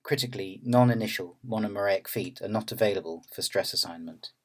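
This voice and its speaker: A man narrating an academic lecture in a measured, explanatory way. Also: lowish voice.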